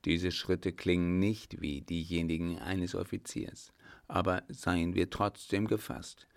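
Guy reading a scheming captain, cool and tense, low gravelly voice. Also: flat delivery, a little slow.

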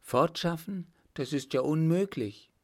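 A man's voice: on the high side, a little slow, pitched above the performer's own voice. A man voicing an anxious, loving young woman in a storybook reading. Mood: anxious, tender.

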